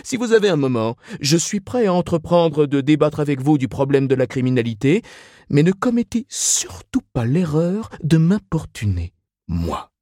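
A man's voice: a little high, very animated, moderate pace, mellow, no echo, studio quality, pitched above the performer's own voice. A man doing a pompous, bellowing oddball. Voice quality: pompous, indignant, declaiming. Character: pompous bellowing huge young man, haughty.

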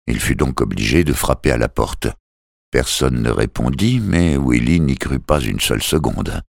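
A man reading a novel aloud as narrator, in a steady, measured way. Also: rumbling low, gravelly, no echo, studio quality. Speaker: audiobook narrator. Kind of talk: scripted narration.

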